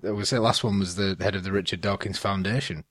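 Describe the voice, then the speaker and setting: Low-voiced sardonic man. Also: fairly even intonation, fast talker, fairly bright tone, dry recording, clean studio sound. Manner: sardonic, swearing, frequent fillers. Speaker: podcast co-host. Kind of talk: casual podcast chat.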